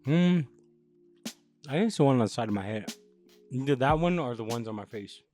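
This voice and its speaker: A man's voice: medium pitch, animated, a little fast, a little mellow, faint music behind. A young man from the Los Angeles area, hosting a casual chat, rambling with many restarts and plenty of swearing. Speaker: podcast host.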